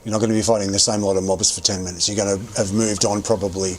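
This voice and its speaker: A man's voice: fairly low pitch, little pitch movement, fast talker, a little hiss or hum. A man streaming a game and chatting casually, thinking aloud with lots of restarts while chewing gum. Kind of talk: casual gameplay commentary.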